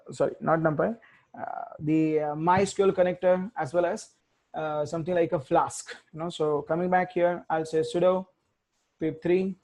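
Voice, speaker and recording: A male tech instructor runs a live coding tutorial, reasoning aloud, self-correcting and muttering over his typed commands. He has a fairly high, slightly mellow voice.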